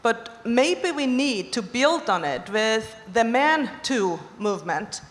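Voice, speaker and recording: A woman's voice: on the high side, very animated, takes it slowly. A woman from Iceland speaking earnestly on a conference panel, building on other speakers' points. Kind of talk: panel discussion. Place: conference hall stage. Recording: long reverb of a conference hall.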